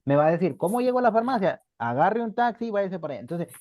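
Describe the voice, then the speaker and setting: A man's voice: high-pitched, sing-song, very fast, a little mellow, no room sound. A man teaching a beginner English class online in Spanish, patiently repeating examples and checking in with the students.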